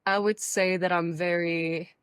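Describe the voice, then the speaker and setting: A woman's voice: lowish voice, flat delivery, measured pace, clear, resonant tone, no echo. A teenage girl from Thailand, a podcast guest talking about her online coaching work in an upbeat, chatty way full of fillers, over a video call. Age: teens. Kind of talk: casual conversational interview.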